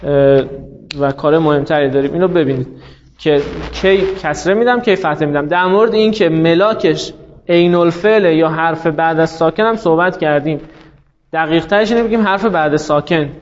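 A male teacher gives a classroom lecture in a high-pitched voice. He explains each rule step by step, posing rhetorical questions and then answering them. The recording is dull and lo-fi. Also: a little hiss or hum.

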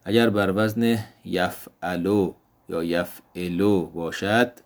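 A man teaching an Arabic grammar lesson, explaining step by step and repeating each example word slowly. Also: sits low. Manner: slow, deliberate explanation, repeating example words.

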